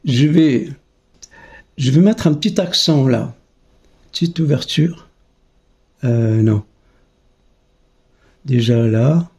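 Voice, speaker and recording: The same music teacher and channel host carries on his casual demonstration, hesitantly thinking aloud. This time his mid-range voice is expressive and dark-toned, moving slowly with long pauses.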